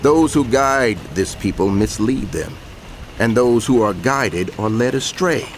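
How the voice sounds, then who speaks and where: A man giving a solemn, declamatory dramatized scripture reading with deliberate pauses. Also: mid-range voice, expressive, a little hiss or hum. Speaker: scripture narrator. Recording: music bed under the voice. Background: background music.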